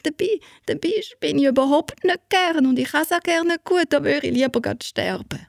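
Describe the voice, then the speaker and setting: A woman voicing a lazy young girl who wails and stammers in a high, whiny voice. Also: lively intonation, moderate pace, creaky, dry recording, clean studio sound. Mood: wailing.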